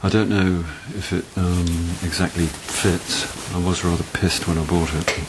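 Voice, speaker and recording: An actor playing a weary, wry older university tutor in a radio drama, talking in a hesitant, dry, halting way. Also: male voice, low voice, steady tone, very noisy.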